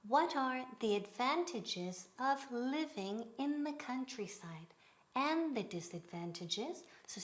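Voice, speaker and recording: A woman from Spain teaches English on television, patiently drilling words. She speaks slowly, with a fairly high voice. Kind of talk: TV language lesson.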